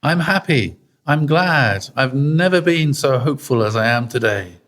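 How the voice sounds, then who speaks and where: A man's voice: medium pitch, lively intonation, measured pace, a bit bright, voice pushed up. A man, reading out a fervent male religious leader rallying his followers in a raised, exhorting voice. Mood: elated.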